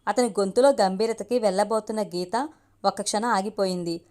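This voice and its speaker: A woman storyteller reading a family story aloud in a steady, expressive way. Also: mid-range voice, moderate pace. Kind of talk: scripted story narration.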